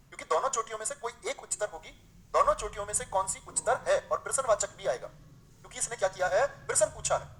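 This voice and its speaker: A male teacher leads a live online grammar class. He reads each example sentence aloud slowly, then corrects it. He keeps quizzing his students with questions and calls them dear friends. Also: sits high, a bit bright, poor audio.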